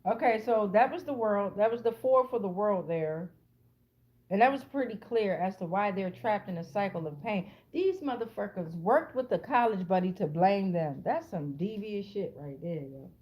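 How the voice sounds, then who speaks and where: An American woman with a medium-pitched, animated voice speaks at normal speed on a muffled recording. Hosting her channel, she improvises a casual tarot reading for an online audience, blunt and streetwise, cursing freely and repeating phrases for emphasis.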